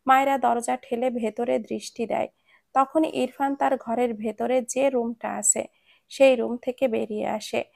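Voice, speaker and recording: A woman narrating a romance story aloud in a steady storybook manner. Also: fairly high pitch, unhurried, vocal fry, no room sound.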